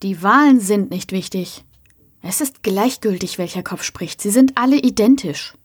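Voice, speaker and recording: A woman reading the part of a blunt young man in an audiobook, speaking firmly and insistently. The voice stays close to the reader's own, only a little lower and softer. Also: normal speed, slightly rough, close to an everyday voice.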